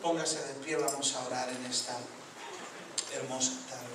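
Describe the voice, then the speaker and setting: A man's voice: mid-range voice, little pitch movement, moderate pace, heavy background noise. A man preaching a sermon to a congregation that answers him, emphatic and joking as he calls out to the people directly. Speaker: guest preacher. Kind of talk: Pentecostal-style sermon with call and response. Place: church service before a responding congregation. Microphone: distant from the microphone. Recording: echoey church hall from far off, congregation audible.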